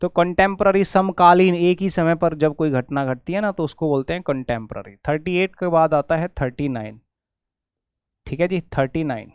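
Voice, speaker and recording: A man's voice: on the high side, moderate pace, smooth, no room sound. A middle-aged man from India teaching English spelling to exam students, spelling words out letter by letter, repeating them and correcting his own slips.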